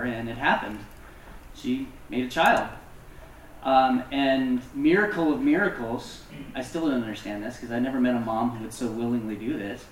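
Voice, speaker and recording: A man's voice: mid-range voice, slight background noise. A man preaching a casual, self-deprecating sermon as pastor, with many fillers. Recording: echoey room, distant mic.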